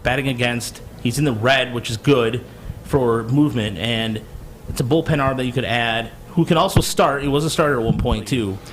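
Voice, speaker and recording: A man from Michigan hosting a sports podcast, sharing blunt, animated opinions in casual chat. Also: medium pitch, normal speed, noisy background.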